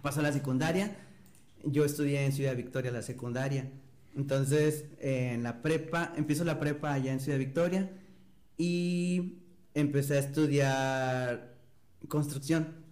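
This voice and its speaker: A man's voice: medium pitch, fairly even intonation, measured pace, a little mellow. A young man from Mexico, a guest in a casual interview, telling an anecdote and mimicking other people's voices. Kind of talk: casual storytelling.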